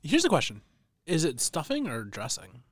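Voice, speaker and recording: A male podcast host with a lively, bouncing voice that rises and falls a lot. He teases his co-hosts and keeps pulling the conversation back on track. The talk is loose sports-podcast banter. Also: fairly high pitch, moderate pace, slightly rough, no echo. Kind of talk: casual sports podcast chat.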